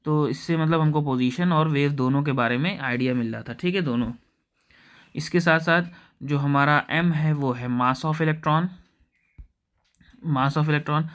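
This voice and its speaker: A man with an Indian accent teaching a chemistry class. He explains step by step, keeps checking in with his students, and slows down to dictate equations. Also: a little high, fairly bright tone, clean tone. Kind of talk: classroom lecture.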